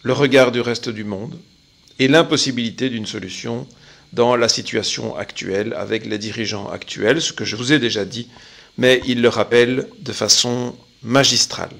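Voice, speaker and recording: Sex: man. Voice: gravelly, opinionated commentator. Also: medium pitch, fairly even intonation, a bit bright. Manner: measured, opinionated, with frequent pauses. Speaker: political commentator. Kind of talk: spoken commentary monologue.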